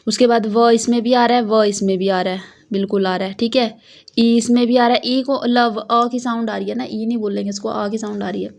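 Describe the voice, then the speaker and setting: A woman teaching English poetry in a mix of Hindi and English, her voice sitting a little high. She keeps circling back, repeating points and asking her students questions before answering them herself. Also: steady tone, brisk, gravelly, darkish tone. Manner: repetitive, coaxing, asks and answers own questions. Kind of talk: Hindi-English classroom explanation.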